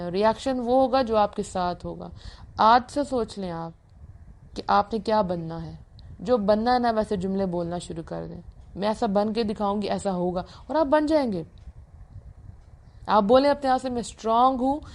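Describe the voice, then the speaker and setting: A woman's voice: mid-range voice, darkish tone. A young woman giving an earnest religious motivational talk, coaching listeners and mixing English phrases into her speech. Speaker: motivational speaker.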